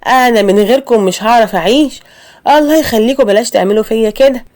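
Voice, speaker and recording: A woman with an Egyptian accent voicing a snobbish, contemptuous older mother-in-law in an animated story. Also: on the high side, quick pace, close to an everyday voice. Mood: pleading. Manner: scolding, contemptuous.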